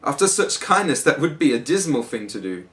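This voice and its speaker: A man's voice: mid-range voice, big pitch swings, fairly quick, a bit bright, far from the mic, voice pushed up. Naive little storybook oysters played by a man plead in a raised, plaintive voice. They sound young and fretful, slightly away from the microphone. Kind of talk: storybook poem recital.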